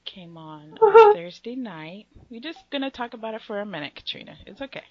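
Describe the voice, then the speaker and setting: A woman hosting a casual podcast chat, laughing often and filling pauses with ums, sometimes dropping almost to a whisper. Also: fairly high pitch, wildly swooping pitch, a little mellow. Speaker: podcast host. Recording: slightly dull lo-fi audio with faint noise.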